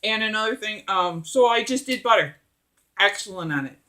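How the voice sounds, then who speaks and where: Casting: middle-aged woman, mukbang host, sharp bright voice, emphatic casual chat between bites. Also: mid-range voice, expressive, normal speed. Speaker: mukbang vlogger. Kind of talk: casual chat while eating.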